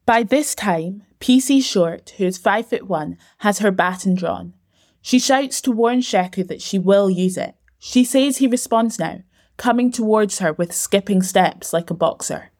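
A woman giving scripted documentary narration in a measured, even way. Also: mid-range voice.

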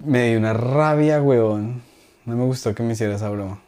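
A man's voice: mid-range voice, brisk, mellow. A young man, co-hosting a comedy podcast in casual chat, joking and swearing freely.

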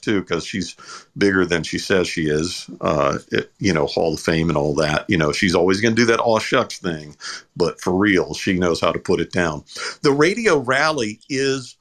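A man co-hosting a chat show about radio, an enthusiastic and animated storyteller. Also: sits low. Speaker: co-host.

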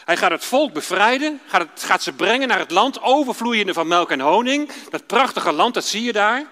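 Male preacher, children's sermon, storytelling tone, high bright voice, long church echo. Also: lively intonation, moderate pace. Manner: warm storytelling, addressing children directly.

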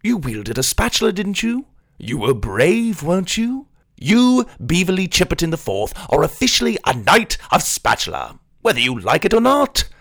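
Excitable young knight hero, bouncing pitch, shouts orders, done by a man. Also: normal speed, heavily acted. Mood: proud. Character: eager brave young knight leader.

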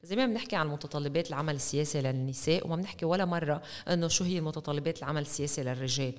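A woman's voice: low-pitched, very fast. A woman with a Lebanese Arabic accent speaking as the interviewer in a conversational discussion. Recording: echoey hall with long reverb.

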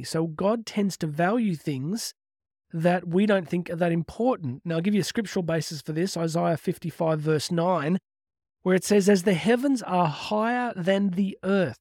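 This motivational faith speaker has a high-sitting voice with a darkish tone. He teaches religion earnestly and with emphasis, elongating key words and raising rhetorical questions. Studio quality, with no room sound.

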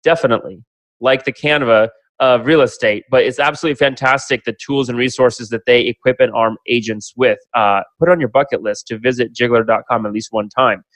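A man's voice: medium pitch, steady tone, a little fast, a bit bright, no room sound. A man hosting an online summit, talking conversationally and emphatically, explaining things in simple steps with rhetorical questions. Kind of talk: conversational interview introduction.

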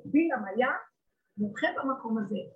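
A woman delivers a fervent religious talk, her high voice leaping up and down. She moves between loud pleading and hushed, intense speech. The recording sounds dull and lo-fi. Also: expressive.

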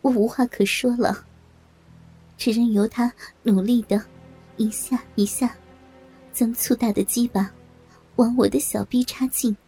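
Breathy, trembling woman narrator. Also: fairly high pitch, steady tone, unhurried, pauses often, mellow, faint music behind. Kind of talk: first-person dramatized audio story.

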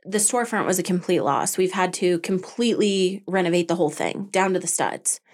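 A woman, a boutique owner, chatting casually as a podcast guest and telling a story in an animated way, acting out her own and her husband's lines. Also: on the low side, brisk.

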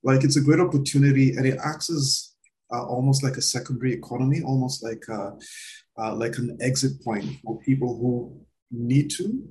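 A man interviewing a guest in casual chat, speaking hesitantly with many pauses and restarts. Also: medium pitch, steady tone, a little mellow, low-quality recording.

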